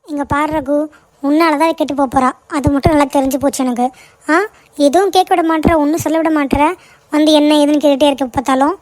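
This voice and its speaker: A woman's voice: sits high, fairly even intonation, fast, darkish tone, no echo, natural voice. A woman voicing a middle-aged cartoon mother who scolds and complains about her household. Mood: grumbling. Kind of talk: cartoon voice acting.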